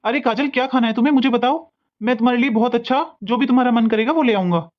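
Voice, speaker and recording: A woman voicing a caring, gentle young husband in an animated cartoon, speaking in a reassuring way. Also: on the high side, fast talker, dull audio, lightly acted.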